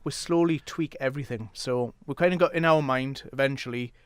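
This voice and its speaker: A man's voice: mid-range voice, a little fast, clear, resonant tone, dry recording. A man with a North East English accent chatting casually as an interview guest, explaining things plainly step by step. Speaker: guest, wrestling promoter.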